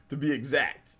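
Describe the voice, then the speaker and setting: A man in his mid-forties hosts a live reaction stream and rants at length. His voice is bright and cutting. He sounds exasperated and circles back over the same points. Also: mid-range voice, husky. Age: 40s. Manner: ranting, repetitive, exasperated. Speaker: livestreamer.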